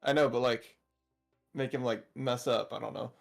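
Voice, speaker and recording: A man at a tabletop game chats casually about his plans. He laughs easily and rambles, filling his speech with "like." His voice has a gravelly rasp. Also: medium pitch, steady tone, normal speed, faint music behind. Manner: giggly, rambling, says "like" often. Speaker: player.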